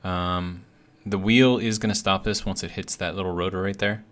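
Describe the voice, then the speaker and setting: Man, low voice, casual gaming host, hesitant thinking aloud, slightly awkward articulation. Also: fairly even intonation, normal speed, fairly bright tone. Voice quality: slightly awkward speech from a healing bitten tongue. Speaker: host of a gaming video series. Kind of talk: casual gameplay commentary.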